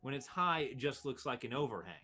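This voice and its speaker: A man narrating a tabletop role-playing game as game master, halting and searching for his words. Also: medium pitch, animated, sharp tone.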